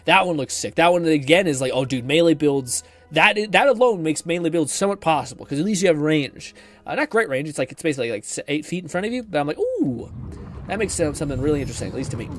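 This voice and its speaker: A man's voice: a little high, animated, fast. A man doing casual live game commentary as a streamer, thinking aloud in an informal, sweary way.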